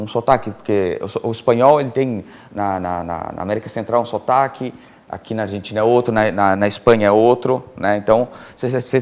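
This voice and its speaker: A middle-aged Brazilian filmmaker and producer tells stories casually as a guest on a TV interview, speaking at medium pitch. He is animated and laughs often, with plenty of fillers and restarts.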